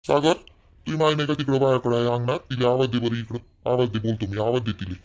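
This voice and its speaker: A man voicing an older village father-in-law, who scolds loudly and then soothes. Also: medium pitch, steady tone, fast talker, close to an everyday voice. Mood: soothing, firm.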